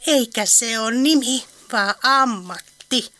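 Here the actress gives the teasing, dry old woman from Eastern Finland a fairly high, bright and forceful voice. The radio-play character comes across as older, wry and gently mocking.

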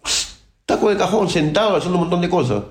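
A man's voice: high-pitched, lively intonation, quick pace. Peruvian guy guest on a radio interview, talks emphatic and blunt, lots of restarts, roomy echo. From Peru. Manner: emphatic, outspoken, many restarts. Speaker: guest percussionist. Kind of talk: casual interview talk.

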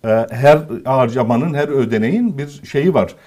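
A man's voice: medium pitch, normal speed, warm tone. Man explaining with emphatic rhetorical questions. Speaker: commentator. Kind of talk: political commentary chat.

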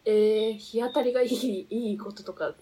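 A woman's voice: fairly high pitch, normal speed, mellow, slight background noise. A young woman of about twenty, a guest in a casual chat, telling stories in a chatty, playful way. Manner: chatty, playfully tries Kansai phrases.

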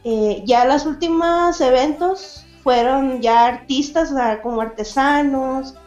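Faint music plays behind this casual interview, where a cartoonist and event organizer from Mexicali, Baja California, Mexico, talks as the guest. Her high-pitched voice is slow and a little mellow, full of fillers, restarts and frequent laughter, and the roomy recording has its highs cut off.

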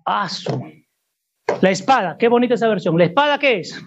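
Husky-voiced man preaching emphatically. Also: sits high, animated, moderate pace, dull audio. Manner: emphatic, asks the congregation rhetorical questions. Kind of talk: sermon. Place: church service before a congregation.

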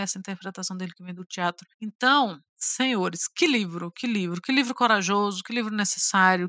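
A woman's voice: fairly high pitch, sharp tone, dry recording, clean studio sound. A Brazilian woman co-hosting a podcast, chatting enthusiastically and emphatically about books, often repeating her phrases. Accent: Brazilian Portuguese. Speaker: podcast co-host. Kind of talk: casual book chat.

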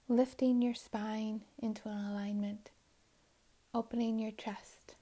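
At a slow, unhurried pace, a woman narrates a guided meditation in a relaxed, mellow, medium-pitched voice. Long pauses fall between her phrases, which fade out softly and breathily.

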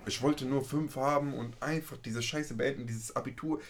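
A man's voice: medium pitch, fairly even intonation, normal speed. Slangy young man telling school stories. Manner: slangy storyteller, swears freely. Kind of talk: casual chat.

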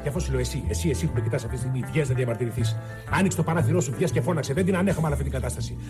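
An actor playing an opportunistic middle-aged man who rants theatrically like a TV presenter, rising to shouts. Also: medium pitch, lightly acted. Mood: ranting. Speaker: TV series character. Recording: TV clip with music behind.

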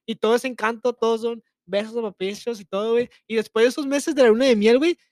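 A man's voice: very high voice, steady tone, quick pace, no room sound, clean studio sound. A young man with a Mexican accent, co-hosting a crude, slang-heavy casual podcast chat and pushing his point insistently. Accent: Mexican Spanish. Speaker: podcast co-host.

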